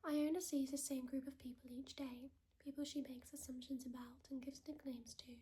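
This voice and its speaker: A woman in a whispered role-play as a gentle, helpful librarian, speaking in a soft, unhurried library whisper. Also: high voice, little pitch movement, a little hiss or hum. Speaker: ASMR creator playing a librarian.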